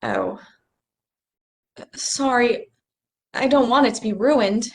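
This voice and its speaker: A woman's voice: fairly high pitch, huge pitch swings, slow, heavily acted. A young woman acting an earnest, bookish stargazer in a stage play reading, a little apologetic as she explains things. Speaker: actor in a rehearsed play reading.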